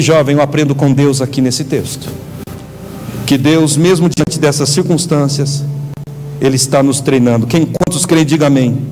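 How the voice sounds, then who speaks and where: A male pastor with a Brazilian Portuguese accent, preaching an animated sermon and calling on the congregation to respond. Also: on the high side, a little hiss or hum. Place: church. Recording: church hall reverb, faint music.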